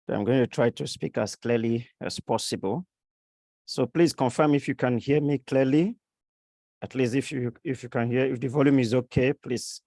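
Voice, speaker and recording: A man teaching a live online coding class with a sore throat, talking slowly with many pauses and fillers. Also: medium pitch, darkish tone, dry recording. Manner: slow, halting, many fillers. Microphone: computer mic on a video call.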